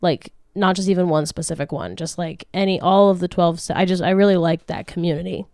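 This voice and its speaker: A woman in her late twenties hosts a casual question-and-answer podcast, chatting frankly, swearing freely, laughing often and restarting a lot. Her slightly low voice is mellow and smooth, with a steady tone at a fairly quick pace. She is recorded close in a dry, dead room with no echo.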